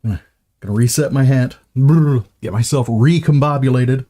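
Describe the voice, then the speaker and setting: A man's voice: medium pitch, moderate pace, warm tone. A man unboxing gear on a live stream, chatty and self-mocking, stumbling over words and starting lines again.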